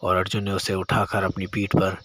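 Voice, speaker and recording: Low-voiced man telling a horror story. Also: flat delivery, a bit bright, a little hiss or hum. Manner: plain, halting retelling with frequent restarts. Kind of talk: casual spoken horror story narration.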